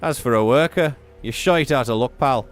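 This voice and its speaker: A man voicing a gruff, balding dock guard with a Northern English accent, bellowing rough and blunt. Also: mid-range voice, normal speed, soft background music, voice pushed up, natural voice.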